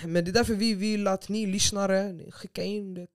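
A young man co-hosts a casual podcast and tells stories with lively, slangy energy. His voice sits a little high. The sound is dry and close, with no room echo. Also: clear, resonant tone. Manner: animated storytelling, slangy street Swedish. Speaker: podcast co-host. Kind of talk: casual chat. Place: small studio room.

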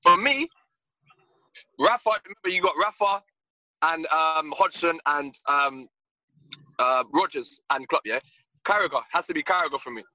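A man's voice: on the high side, animated, normal speed, pauses often, pushed and bright, dry recording, muffled recording. A man with a London accent takes part in a casual football debate as a panellist, slangy and emphatic, often repeating himself. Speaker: podcast panellist.

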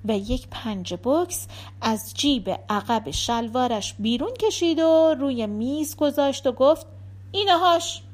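A woman narrating an audiobook story with expressive, lively storytelling. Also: on the high side.

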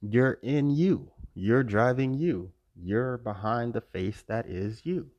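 A vlogger standing outdoors by a road delivers an earnest, preachy spiritual monologue, repeating his phrases as cars pass and wind blows. His voice is medium-pitched and darkish, and he takes it slowly. The lo-fi recording has no room sound.

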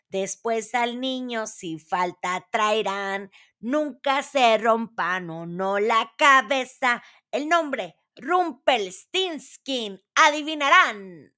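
A woman's voice: mid-range voice, animated, slow pace, few pauses, bright, forceful tone. A woman voicing a grotesque, greedy male dwarf who makes bossy, demanding bargains in a storybook reading. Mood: singing gleefully.

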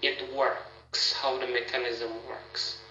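A man's voice: mid-range voice, flat delivery, slow, pushed and bright. A man playing a tabletop game over an online voice call, chatting casually and hesitantly, repeating himself. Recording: echoey, muffled voice chat with faint noise.

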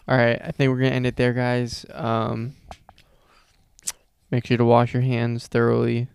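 Casual male podcast host with creaky voice. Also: medium pitch, completely flat delivery, moderate pace, a little mellow, dry recording. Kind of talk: casual chat.

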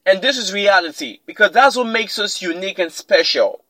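Guy doing a motivational podcast, pretty high voice, emphatic, says stuff twice, dry close mic. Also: lively intonation, brisk, sharp tone, no echo, poor audio. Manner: emphatic, repeats key lines for effect. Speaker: podcast host. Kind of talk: motivational talk.

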